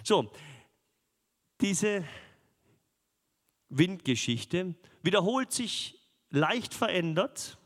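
A man preaching a sermon in a lively, conversational way, often asking his listeners questions. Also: sits high, drawn-out words, pauses often. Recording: long hall reverb.

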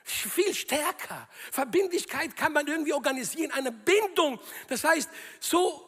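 A man preaching a sermon to a congregation. He swings between loud emphatic calls and hushed, low, prayerful passages, and asks the listeners to repeat after him. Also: expressive, a little slow. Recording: long hall reverb.

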